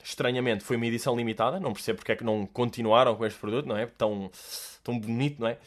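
A young man with a European Portuguese accent, hosting a casual solo chat and answering listener questions in an animated, joking way, full of slang and swearing. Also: mid-range voice, racing.

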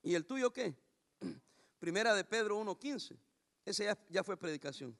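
A man preaching a sermon as pastor, emphatic and raising his voice, reading scripture slowly and deliberately. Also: sits high, very animated, a bit bright.

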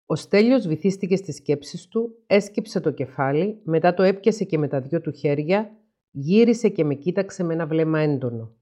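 A woman narrates a scripted story for a podcast in a measured, storytelling way. Her voice sits fairly low. Her intonation moves a lot. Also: lively intonation, mellow.

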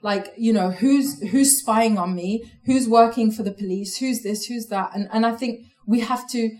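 A woman's voice: on the high side, normal speed, a little mellow, echoey room, poor audio. A woman speaking on a panel, urgent and passionate, with frequent fillers. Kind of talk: impassioned panel talk.

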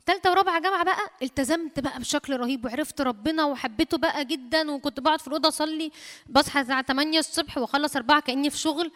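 A woman with an Egyptian Arabic accent preaches quickly in a high voice. She repeats her points for emphasis and quotes scripture. Her voice rings with the long reverb of a church hall. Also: a bit bright. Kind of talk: sermon.

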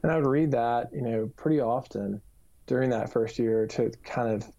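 Gravelly, mellow-voiced man telling his story. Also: medium pitch, normal speed. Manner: earnest, reflective storytelling with many fillers. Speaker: author and youth minister. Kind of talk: personal testimony in an interview. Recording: dull lo-fi recording.

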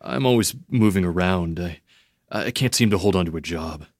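A man's voice: low-pitched, moderate pace, dry recording, studio quality. A man playing a clueless, apologetic ranch hand and former fireman in a comedy audio drama. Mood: earnest. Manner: hesitant, apologetic.

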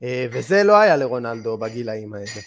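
A man of middling pitch tells stories on a podcast in a relaxed, chatty way. He gets animated as he goes and keeps filling pauses with hesitant "uh" sounds. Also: a little hiss or hum. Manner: animated storyteller, many "uh" fillers. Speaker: podcast co-host. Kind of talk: casual storytelling chat.

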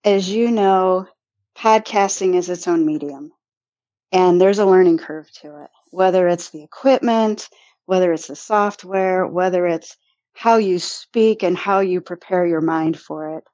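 A woman's voice: fairly low pitch, measured pace, mellow, no echo. Woman, Midwestern accent, chatty, laughs often, dry, slightly muffled sound. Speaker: podcast host, guest. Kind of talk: casual interview chat.

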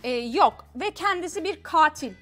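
A woman with a bright, high voice hosts a casual guessing game. She feeds her guests riddle-like clues and waves off wrong answers with a teasing "no, no." Faint music plays quietly underneath. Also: expressive, normal speed. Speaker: co-host.

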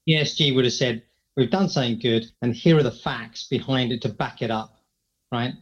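A man's voice: mid-range voice, normal speed, breathy edge, muffled recording. A man co-hosting a podcast, chatting conversationally and often checking for agreement. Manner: conversational, seeks agreement with tag questions. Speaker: podcast co-host. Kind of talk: podcast interview.

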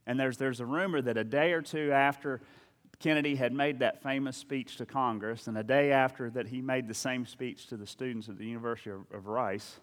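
A man's voice: medium pitch, steady tone, a little fast, long reverb tail. A man preaching a sermon as a pastor, talking in a conversational, storytelling way with frequent asides and restarts.

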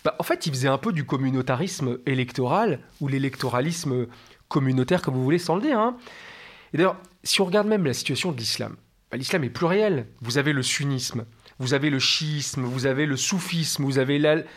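A man's voice: mid-range voice, expressive, a little fast. A man speaking as a guest expert in an interview, explaining in a didactic way and stacking up lists of examples.

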